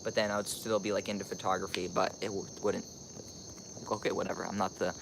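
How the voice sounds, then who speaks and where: A man's voice: low voice, little pitch movement, quick pace, creaky, noisy background. A teenage young man from Costa Rica chats casually as a live-streaming vlogger, rambling and thinking aloud with lots of filler "like"s.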